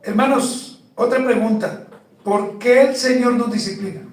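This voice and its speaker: A man preaching a sermon as pastor, slow and emphatic, putting rhetorical questions to the congregation. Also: extremely high pitch, very echoey, recorded from a distance, poor audio. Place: church.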